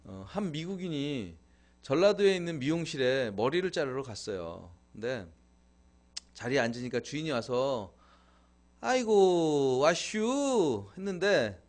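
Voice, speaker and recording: A man's voice: medium pitch, big pitch swings, moderate pace. A man hosting a live internet broadcast in a chatty, casual way, laughing and thanking viewers. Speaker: live-stream host. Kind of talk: casual live-stream talk.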